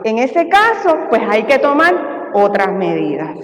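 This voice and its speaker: High-voiced Puerto Rican woman pastor preaching. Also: measured pace. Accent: Puerto Rican Spanish. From Puerto Rico. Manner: preaching with lively storytelling, acting out dialogue. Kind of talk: sermon. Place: church sanctuary. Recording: echoey church hall with long reverb.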